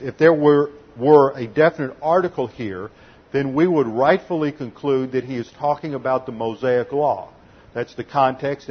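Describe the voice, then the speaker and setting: A man preaching an expository Bible teaching sermon, explaining terms in a deliberate teaching tone and slowing down to stress key words. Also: medium pitch, breathy edge, dull audio. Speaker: pastor.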